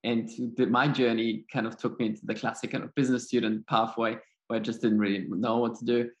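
An Austrian man with a German accent, chief executive of a startup accelerator, answers interview questions as a podcast guest. His voice is medium-pitched and brisk, with little pitch movement. He comes across as informal, modest and conversational.

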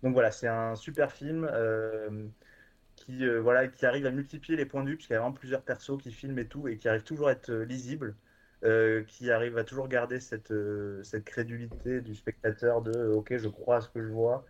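A man's voice: mid-range voice, steady tone, brisk, highs cut off. A man chatting casually and enthusiastically, with many fillers and restarts. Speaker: guest from a horror streaming platform. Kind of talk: casual podcast chat.

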